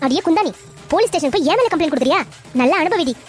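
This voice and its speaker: A woman voicing a sharp-tongued, defiant middle-aged wife in a cartoon family drama. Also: extremely high pitch, expressive, rapid-fire, faint music behind, pitched below the performer's own voice. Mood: snappy. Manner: snappy, dismissive.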